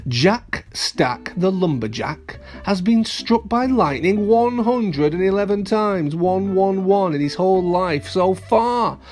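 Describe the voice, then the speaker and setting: A kids show host reading an alphabet storybook aloud to children, expressive and playful, with asides to young listeners. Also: medium pitch, slow, hardly any pauses.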